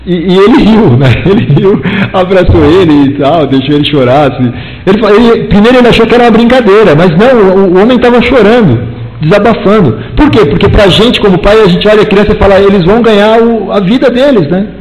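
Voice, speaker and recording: A middle-aged man from the São leads a church Bible lesson, and his voice sits high for a man. He talks like a chatty storyteller, acting out little conversations. A long hall reverb trails after his words. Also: expressive, quick pace, a little mellow. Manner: chatty storyteller, acts out dialogue with big pitch swings. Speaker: Bible teacher. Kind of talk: church class lesson with personal anecdotes.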